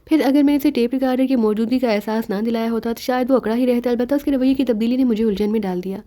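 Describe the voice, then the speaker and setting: A woman's voice: on the high side, dark tone, lightly acted. A woman voicing a sly young male detective who rambles and teases, then lays out his reasoning. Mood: calm explaining. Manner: rambling, mocking, teasing.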